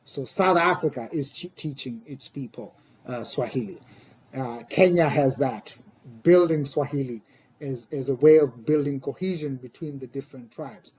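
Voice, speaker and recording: A middle-aged scholar with a Tanzanian accent appears as a podcast guest, speaking in a second language. Thoughtful but hesitant, he pauses and repeats words as he explains, his mid-range voice a little mellow.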